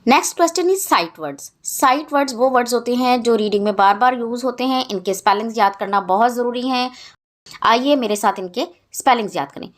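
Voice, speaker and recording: A woman teacher, reading English textbook answers slowly and translating each line. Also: a little high. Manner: reads English lines slowly, then translates. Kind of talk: textbook lesson explanation.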